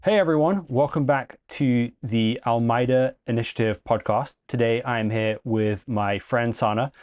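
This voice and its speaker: A man hosting a casual podcast interview at an ordinary pitch. He talks in a friendly, chatty way and sometimes stumbles on his first words. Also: normal speed, a little mellow. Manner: friendly, chatty, occasional stammer. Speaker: podcast host.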